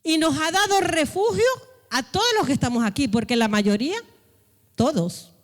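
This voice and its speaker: A woman's voice: sits high, normal speed. A woman pastor preaching a sermon in a church hall, pressing her listeners with rhetorical questions and sudden raised calls. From Latin America. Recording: long hall reverb.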